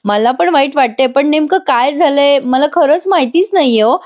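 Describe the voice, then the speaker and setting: Woman doing a worried gentle wife, pleading, bewildered, high-ish voice. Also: moderate pace, lightly acted.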